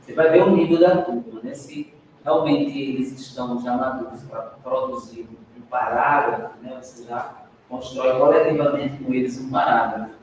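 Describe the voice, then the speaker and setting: Captured from afar in an echoey classroom with slight background noise, this Brazilian man runs a training session at normal speed. His medium-pitched voice is a little mellow, and his Brazilian Portuguese accent shows as he quizzes the group, nudging them to respond and frequently adding "né?".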